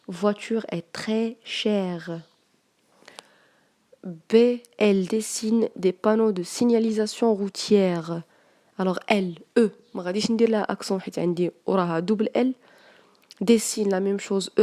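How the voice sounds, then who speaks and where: Moroccan woman slowly dictating French words. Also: mid-range voice, warm tone. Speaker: teacher. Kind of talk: correcting French spelling exercises.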